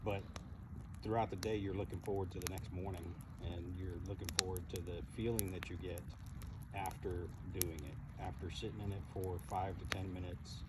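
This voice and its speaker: Deep voiced guy chatting casually, a bit off the mic, really noisy outside, halting talk. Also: fairly even intonation. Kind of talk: casual chat. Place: outdoors by a campfire. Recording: noisy outdoor recording, distant from mic.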